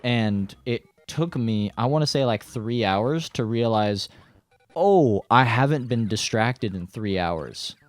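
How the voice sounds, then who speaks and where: A man's voice: medium pitch, expressive, slow, no echo, soft background music. A young man chatting casually as co-host, rambling and joking crudely, with frequent restarts. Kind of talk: casual chat.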